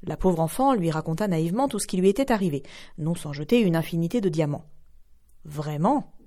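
Expressive woman reading a fairy tale. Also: on the low side, fast. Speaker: radio storyteller. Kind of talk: storybook reading.

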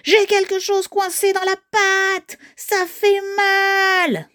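A loud, high, yelling creature who guards a tunnel, played by a woman reading a storybook. He bellows and wails with a sore paw, and his voice sits well above the reader's own. The recording is close and dry. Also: moderate pace, no room sound, close to an everyday voice. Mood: furious. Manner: shouting and wailing. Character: angry clawed male creature guarding a tunnel.

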